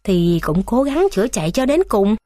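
A woman's voice: medium pitch, sing-song, normal speed, dark tone, no echo, studio quality, lightly acted. A woman voicing hospital nurses who sound concerned and surprised.

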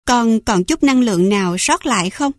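Sarah, an older healer queen, speaking softly and in a measured, gently urging way, a slightly higher voice with a different timbre, dry close sound. A woman narrator puts her on in an audiobook. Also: animated, no echo, close to an everyday voice. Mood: grave.

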